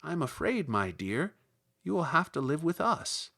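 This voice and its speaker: A man reading aloud, voicing the good Witch of the North, a kindly old woman with a gentle, measured manner. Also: on the high side, very animated, vocal fry, heavily acted.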